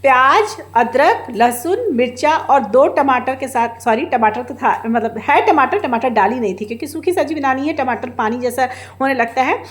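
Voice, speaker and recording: A woman in her thirties narrating a home vlog in voice-over. She speaks loudly and emphatically, in a raised, high-pitched voice that can sound like she is scolding. It is recorded without a proper mic. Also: normal speed, hardly any pauses. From India. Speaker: vlogger and housewife. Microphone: no external mic for voice-over.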